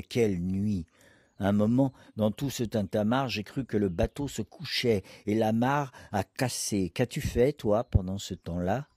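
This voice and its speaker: A man reading the part of a poor, rough, good-hearted fisherman in a dramatic poetry reading, in a gruff, earnest way. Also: low voice, warm tone, no room sound, clean studio sound. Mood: weary.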